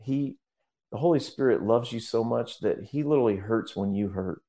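Earnest guy rambling thru an interview, warm mellow voice, lots of restarts. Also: medium pitch, moderate pace. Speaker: guest minister. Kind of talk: casual interview conversation.

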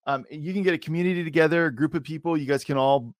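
A man's voice: fairly high pitch, fast talker, dry recording. Casual male podcast host, dry close sound. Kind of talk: casual, enthusiastic show introduction and interview.

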